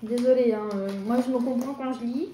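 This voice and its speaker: A woman with a French accent, a nail technician reading English exam steps haltingly and chatting casually as she works. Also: a little high, steady tone, warm tone, a little hiss or hum. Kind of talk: casual tutorial while working. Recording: echoey room with faint ambience.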